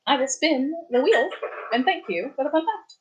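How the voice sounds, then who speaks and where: A woman's voice: high voice, animated, moderate pace, highs cut off. A young adult woman hosting a casual live stream from her apartment, chatting in a rambling way with many fillers and restarts. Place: warm apartment.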